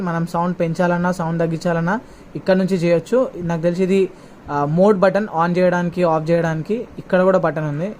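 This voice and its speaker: In a casual unboxing vlog, a male motovlogger talks informally in a distinctly high, slightly mellow voice, slipping English into his Telangana Telugu. A faint layer of background noise runs underneath.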